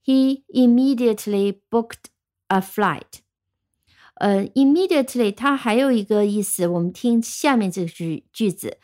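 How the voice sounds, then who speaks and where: A patient woman teacher gives a vocabulary lesson, speaking on her English words. She spells words slowly, letter by letter, and explains them step by step. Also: medium pitch, dark tone.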